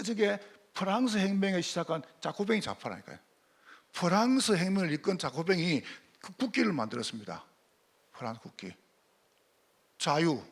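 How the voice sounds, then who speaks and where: A man's voice: high voice, creaky, slightly rough. A man preaching a sermon as pastor, firing rhetorical questions at his congregation.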